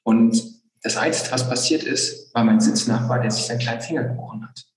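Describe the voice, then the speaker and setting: A man's voice: mid-range voice, fairly quick. A young man telling his personal story in an interview, earnest and reflective, with many fillers. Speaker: guest. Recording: roomy echo.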